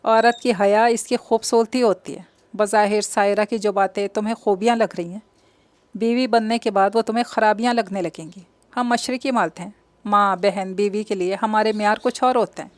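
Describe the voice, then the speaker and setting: A woman reading the part of a calm young man in an audio novel, reasoning gently. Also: mid-range voice, moderate pace, dry recording, lightly acted. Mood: earnest. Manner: soothing, reasoning.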